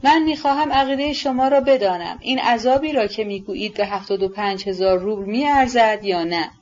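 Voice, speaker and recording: A woman's voice: medium pitch, darkish tone, close to an everyday voice. A woman voicing a proud, defensive young man who scoffs and mutters, in a storybook reading on a dull, lo-fi recording.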